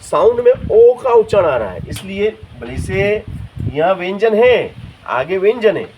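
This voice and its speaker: A male teacher giving a grammar lesson in a classroom, repeating words slowly and checking with his students. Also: high-pitched, very animated, a little mellow. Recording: noisy classroom recording.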